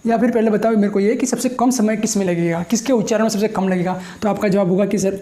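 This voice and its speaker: A male teacher giving a grammar lesson, who dictates slowly while writing, repeats phrases and asks questions that he answers himself. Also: high-pitched, steady tone, warm tone.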